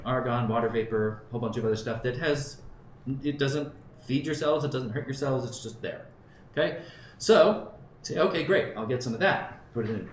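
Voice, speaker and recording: A man in his fifties from Southern California giving a conversational conference presentation to a live audience, often checking in with his listeners and thinking aloud. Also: medium pitch. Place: conference room. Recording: roomy live talk recording with faint background noise.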